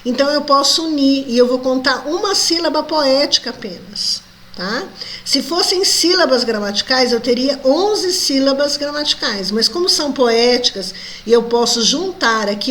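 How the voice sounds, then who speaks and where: A woman's voice: high voice, expressive, normal speed, fairly bright tone. Brazilian woman teacher explaining patiently. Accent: Brazilian Portuguese. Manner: explanatory, checks in with frequent tag questions. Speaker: Portuguese language teacher. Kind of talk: recorded online lesson.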